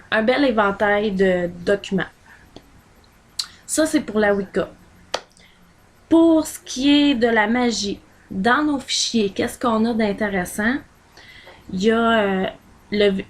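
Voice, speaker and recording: A woman with a Québécois accent, chatting casually in a home vlog and rambling with many fillers as she holds items up to the camera. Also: medium pitch. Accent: Québécois French. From Quebec. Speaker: vlogger recommending books.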